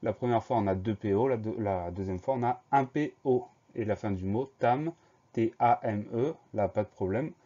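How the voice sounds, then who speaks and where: A man teaching a spelling dictation lesson, going slowly and carefully and spelling each word letter by letter. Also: on the low side, warm tone, highs cut off.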